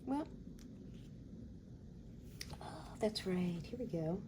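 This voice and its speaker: A woman chatting casually and thinking aloud in an unhurried, musing way as she hosts a planning session. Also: on the low side, lively intonation, noisy background. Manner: unhurried, musing, talks to herself while working. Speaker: host of a planner decorating video.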